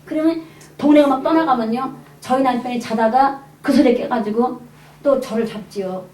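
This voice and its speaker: A woman evangelist giving a lively testimony sermon to a congregation, acting out the dialogue in her story. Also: high voice, normal speed. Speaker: evangelist preacher. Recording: echoey hall, mic at a distance.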